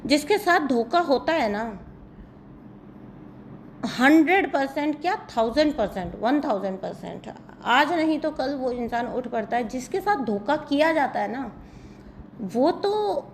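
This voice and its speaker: A woman tarot reader and healer chatting casually with her viewers, giggling often, her voice starting to go hoarse. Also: sits high, a little mellow, slight background noise. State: voice going hoarse.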